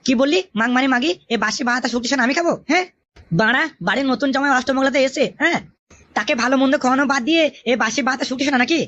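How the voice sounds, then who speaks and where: A woman voicing a hot-tempered, foul-mouthed young male son-in-law in a cartoon, grumbling and cursing rapidly. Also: high voice, fairly bright tone. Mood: angry. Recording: dull lo-fi audio.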